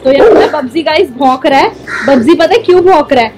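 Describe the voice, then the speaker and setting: High-voiced woman baby-talking to dogs. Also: expressive, fast talker, very noisy. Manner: playful, coos and baby-talks to dogs. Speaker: vlog host. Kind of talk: casual vlog talk to camera and pets.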